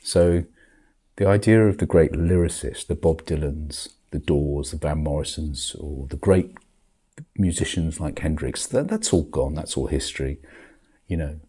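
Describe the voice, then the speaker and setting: A man's voice: rumbling low, a little slow, warm tone, husky. An older man in a grumpy, world-weary back-in-my-day rant, commenting on the world with emphatic outbursts. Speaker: video commentator.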